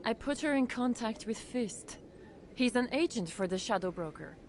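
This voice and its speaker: A woman's voice: a little high, expressive, normal speed, darkish tone, slight background noise, close to an everyday voice. A woman playing an earnest, shaken clinic doctor in a video game. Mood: earnest explaining.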